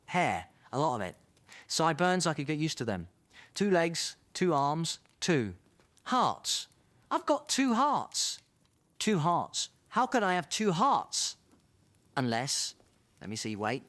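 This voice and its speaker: Guy doing excitable eccentric time traveller, theatrical and rambly, swoopy pitch, dry close sound, audio drama. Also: takes it slowly, no room sound, heavily acted. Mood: astonished. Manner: theatrical, rambling self-talk. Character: excitable, eccentric time-travelling alien man, confused about himself. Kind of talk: fan audio drama acting.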